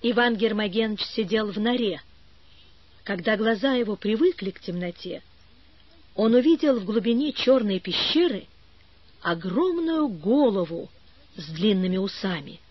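A woman narrating an adventure story as an audiobook, in a measured storytelling manner. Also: mid-range voice, expressive, highs cut off. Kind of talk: audiobook reading.

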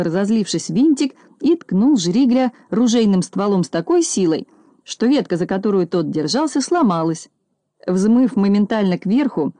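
A woman reads a children's storybook aloud with lively, expressive delivery. Her voice is mellow and warm, and the recording is close and dry with no room echo. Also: medium pitch. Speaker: narrator. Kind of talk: storybook reading.

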